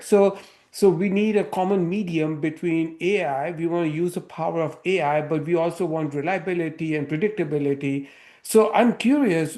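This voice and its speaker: A man's voice: fairly high pitch, darkish tone. A man hosting an interview podcast, asking long questions and thinking aloud as he goes. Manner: thinks aloud with many fillers and restarts. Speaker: podcast host. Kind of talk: casual interview talk.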